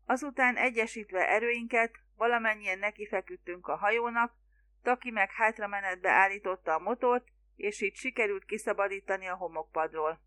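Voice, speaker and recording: Bright-voiced woman reading a story. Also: medium pitch. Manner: even, measured storytelling. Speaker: audiobook reader. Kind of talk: scripted narration.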